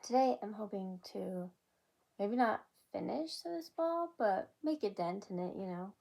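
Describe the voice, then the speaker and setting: A crochet vlogger chats at home about her crafting in a rambling, casual way, leaning heavily on "like" as a filler. Her medium-pitched voice is warm and animated, with vocal fry and a measured pace.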